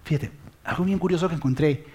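A man's voice: a little high, quick pace, mellow, husky. A man preaching a sermon, speaking directly to listeners with questions and dropping to a whisper on key words. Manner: mixes English phrases into Spanish.

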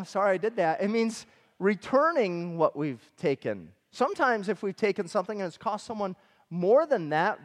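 A middle-aged man from Michigan delivers a conversational sermon, sliding easily into personal stories and animated asides. His voice sits high for a man. The sound carries a long reverb, as in a large church hall. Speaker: pastor.

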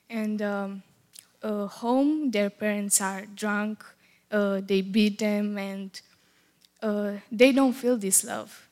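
A woman with a Romanian accent, a native Romanian speaker, giving a personal testimony in careful, halting English with searching pauses. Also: mid-range voice. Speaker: church ministry worker.

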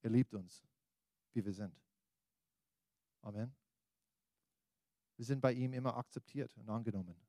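A man's voice: mid-range voice, measured pace, pauses often, dark tone, no room sound, studio quality. A man with an American accent, a native English speaker, preaching an informal evangelical sermon, exhorting listeners directly in colloquial words. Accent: American accent in German. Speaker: preacher, pastor.

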